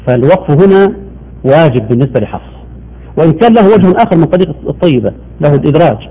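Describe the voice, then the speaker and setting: A man's voice: on the high side, lively intonation, very fast, mellow, dull audio. A man teaching the rules of Quran recitation in a televised lesson, explaining patiently, repeating points and giving short assents.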